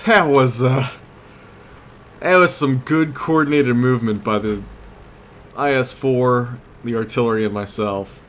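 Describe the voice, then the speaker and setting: A gamer hosting a let's play series speaks casually in a mid-range, somewhat bright voice at a measured pace. He thinks through his moves in brief tactical remarks. The vehicle and battle sounds of a tank game ring clearly behind him.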